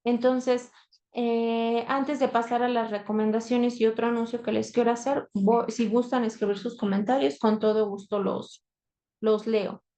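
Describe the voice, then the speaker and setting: A woman teaching a live online class. She explains step by step, often checks in with a quick question tag and pauses on fillers. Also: fairly high pitch, level tone, mellow, rough recording. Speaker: instructor.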